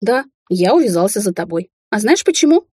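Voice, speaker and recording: A woman's voice: mid-range voice, very animated, fairly quick, darkish tone, husky, dry recording. A woman reading the lines of a hot-tempered young Chinese man, a rich heir, in an audiobook. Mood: angry.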